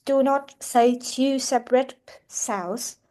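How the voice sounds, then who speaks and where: A woman teaching a pronunciation lesson, speaking haltingly with many fillers and repeated words. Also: high-pitched, dark tone. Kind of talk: classroom lesson explanation.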